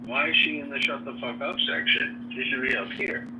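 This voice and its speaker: A man's voice: medium pitch, fairly even intonation, a little fast. A man chatting casually and bluntly, with informal, salty speech. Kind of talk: casual chat, salty language. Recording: distant mic, clearly noisy audio.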